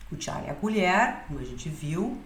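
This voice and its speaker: A woman's voice: lowish voice, sing-song, moderate pace, reverberant. A woman teaching a Spanish pronunciation lesson in Portuguese, explaining patiently and often checking in with her students.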